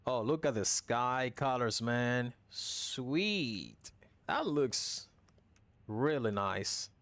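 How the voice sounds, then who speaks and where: A man's voice: medium pitch, expressive, drawn-out words, a bit bright, no room sound. A man giving casual live commentary as he plays a flight simulator, talking through each step as the pilot.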